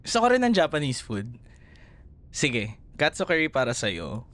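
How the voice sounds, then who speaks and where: Huge pitch swings mark this man's medium, fairly bright voice, delivered at normal speed with a Filipino accent. He plays a loving, playful young boyfriend calming a scared partner in intimate one-sided ASMR roleplay, his manner teasing and tender, and he chuckles a lot.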